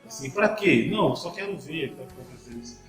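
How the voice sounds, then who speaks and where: A man's voice: fairly high pitch, lively intonation, quick pace, echoey room, soft background music, low-quality recording. A man preaching a sermon, asking the listeners rhetorical questions and often repeating words as he restarts a thought.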